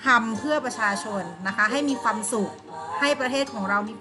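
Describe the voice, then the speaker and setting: A woman's voice: a little high, fairly quick. Patient teacher woman over music. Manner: patient, coaxing, asks pupils questions and answers them herself. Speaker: primary school teacher. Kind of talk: online classroom lesson.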